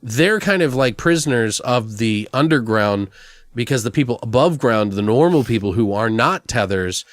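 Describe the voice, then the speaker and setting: A man's voice: medium pitch, animated, normal speed, no room sound, clean studio sound. A man co-hosting a podcast, chatting loosely about a film and swearing freely. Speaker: podcast co-host. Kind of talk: casual film review chat.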